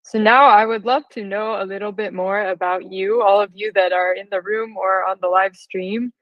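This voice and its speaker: A software engineer from California in her twenties, with an American accent, gives a conversational presentation to an audience as a guest speaker. Her mid-range voice is steady and at normal speed, recorded in slightly roomy, dull lo-fi sound.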